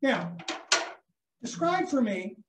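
A man teaching a snare drum masterclass, coaching a student hands-on and checking in often with a quick "okay?". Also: very high-pitched, sing-song, noisy background. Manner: instructive, checks in with frequent "okay?". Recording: echoey room.

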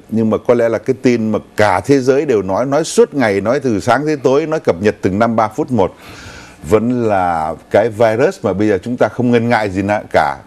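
A man's voice: lowish voice, a little mellow. An older man co-hosting a news talk show in a TV studio, recounting stories unhurriedly with some fillers.

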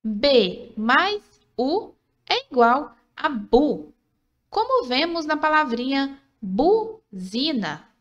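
A woman's voice: sits high, very animated, lo-fi sound. A woman narrating a scripted literacy lesson for children, patient and encouraging, sounding out syllables one by one. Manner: slow, patient, syllable-by-syllable teaching; encouraging, asks questions then answers them.

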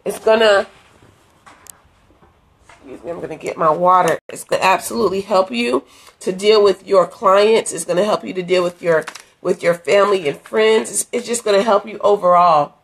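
Speaking at medium pitch and normal speed, a middle-aged woman leading a ministry chats earnestly to live-stream viewers, inviting them to an event. Her phone is held at arm's length in a dim room, her voice is hoarse from a cold, and she uses many fillers and restarts.

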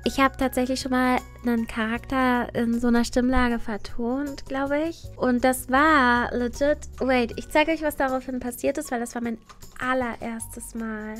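A woman's voice: high voice, fairly even intonation, moderate pace, faint music behind. A woman streamer chatting to her livestream in a playful, cute anime-streamer manner. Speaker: VTuber streamer. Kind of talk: livestream chat, reacting and reading aloud.

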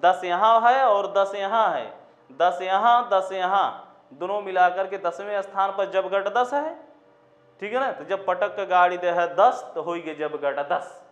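A man's voice: sits high, a little slow, a bit bright. A man teaching a Sanskrit coaching class, repeating mnemonic chants and asking the students questions. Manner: sing-song repetition of mnemonic chants, rhetorical questions to students. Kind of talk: exam-prep classroom lesson with mnemonic stories. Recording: roomy classroom, dull lo-fi sound.

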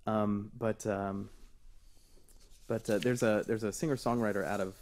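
A man in his thirties, a singer-songwriter guest on a radio show, talking in an animated, self-deprecating way with many fillers. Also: lowish voice, measured pace. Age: 30s. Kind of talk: radio interview. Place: radio studio.

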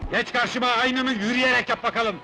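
Blustering army captain yelling at recruits, high gravelly voice, comedy film. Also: male voice, fairly even intonation, brisk, faint music behind, full character voice, poor audio. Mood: exasperated. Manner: exasperated, scolding, shouting. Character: irritable blustering army captain, male, adult.

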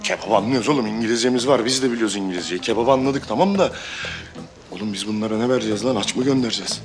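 An actor playing a blustering restaurant owner who mangles English, loud and boastful. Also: male voice, on the low side, very fast, music in the background, natural voice. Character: boastful middle-aged kebab shop owner man. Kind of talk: sitcom acting.

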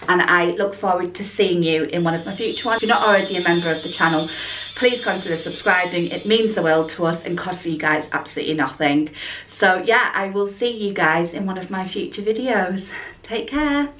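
A woman's voice: lowish voice, brisk, fairly bright tone, distant mic, slight background noise. Chatty woman vlogging a try-on haul. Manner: chatty, rambling, thinking aloud. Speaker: fashion vlogger. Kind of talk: casual try-on haul chat. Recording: echoey room, voice a bit off-mic.

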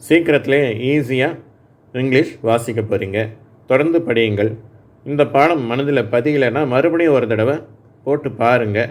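Tamil-accented guy teaching english phonics, says sounds slow and clear so you can repeat. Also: mid-range voice, darkish tone. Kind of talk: spoken lesson for adult learners.

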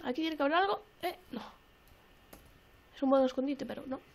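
Young woman, high voice, excitable gameplay commentary, repeats herself. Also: brisk. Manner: excitable, repeats phrases, swears often. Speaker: gaming YouTuber. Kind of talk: casual let's-play commentary.

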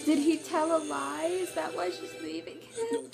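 A woman giving excitable, chatty reaction commentary, full of likes, ums and you-knows. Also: high voice, measured pace, gravelly. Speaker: reaction video host. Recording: music video playing loudly behind. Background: loud music.

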